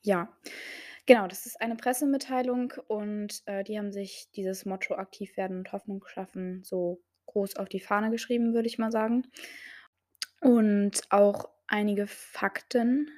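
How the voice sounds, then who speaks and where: A woman's voice: mid-range voice, fairly even intonation, measured pace, dark tone. A young woman hosting a solo podcast, talking hesitantly with many filler sounds and reading out quotes. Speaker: podcast host.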